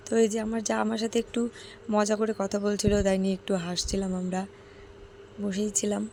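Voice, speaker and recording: A woman with a hoarse, gravelly voice narrates her vlog in a chatty way, speaking directly to the people watching. Her tone is dark and mellow, and a faint background noise sits behind her. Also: mid-range voice, little pitch movement, fairly quick. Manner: chatty, addresses viewers directly. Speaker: vlogger. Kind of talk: casual vlog voice-over narration.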